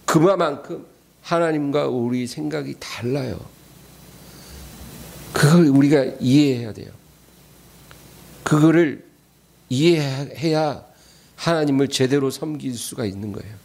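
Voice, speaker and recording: A male pastor delivers a sermon in a church, driving each point home with emphatic repetition. His voice sits at an ordinary middle pitch for a man. He keeps turning to the congregation to press his message. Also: unhurried, gravelly, long pauses, darkish tone. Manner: emphatic, repeats key phrases, often addresses the congregation. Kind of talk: weekday sermon.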